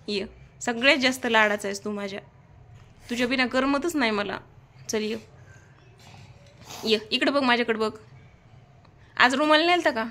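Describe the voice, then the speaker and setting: A woman's voice: on the high side, fairly bright tone. A woman in her thirties from Maharashtra with a Marathwada Marathi accent, talking casually and affectionately to her child at home for a vlog. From Maharashtra, India. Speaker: vlogger mother. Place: family home. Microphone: phone camera.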